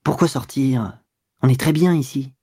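A man reading a gruff, broke young man. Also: mid-range voice, fairly even intonation, fairly quick, a little mellow, no room sound, studio quality, close to an everyday voice. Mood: grumpy. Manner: gruff, then stammering and begging. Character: broke, irritable young man, pleading when cornered. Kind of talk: audiobook dialogue.

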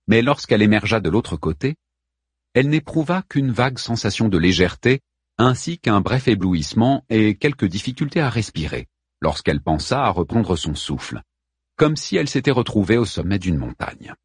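A man reading an audiobook in a measured, dramatic narration. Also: lowish voice, very animated, breathy edge, dry recording, studio quality.

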